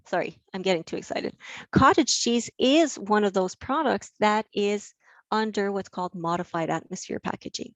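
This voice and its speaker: A woman's voice: on the low side, dry recording. Enthusiastic woman lecturing, dry sound. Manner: enthusiastic, frequent fillers and restarts. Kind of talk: live online mini-lecture.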